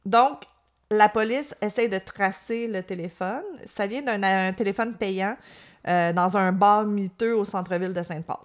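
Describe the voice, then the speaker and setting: Chatty Québécoise podcast host. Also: female voice, mid-range voice, normal speed. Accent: Quebec French. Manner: animated, chatty, with many fillers. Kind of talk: casual storytelling chat.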